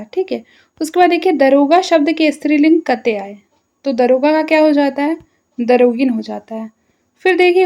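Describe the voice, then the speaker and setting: High-voiced woman teaching an exam class. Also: mellow. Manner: explains slowly, repeats terms and says "okay" often. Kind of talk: exam-prep language lesson. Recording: dull lo-fi audio.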